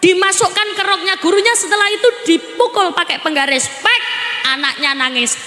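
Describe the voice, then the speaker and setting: A woman preacher giving a lively sermon, quizzing and teasing her audience. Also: very high-pitched, a little fast, some chatter behind. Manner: animated, asks the audience questions and teases. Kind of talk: lively village sermon with jokes and crowd questions. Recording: echoey hall over PA, faint noise.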